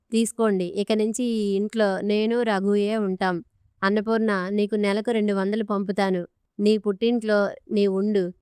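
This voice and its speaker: A woman's voice: mid-range voice, a little mellow, clear, resonant tone, no echo, clean studio sound, lightly acted. A woman reading an audiobook story, voicing a stern, commanding older father-in-law. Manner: commanding, blunt.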